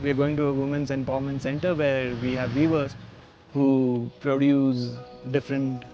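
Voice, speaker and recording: Slow-explaining man, dull sound. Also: mid-range voice, level tone, music in the background. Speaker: rider-researcher.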